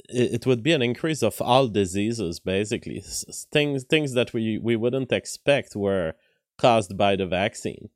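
Male streamer, fairly low but weak voice, casual commentary, very dry recording. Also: no echo. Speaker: livestream host. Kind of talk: casual livestream commentary, reading viewer messages.

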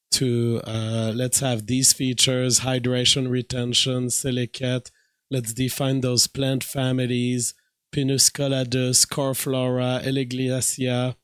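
A man with a weak voice giving a casual, halting tutorial narration as he presents a screen recording. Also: mid-range voice, dry recording, clean studio sound. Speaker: streamer and hobby game programmer.

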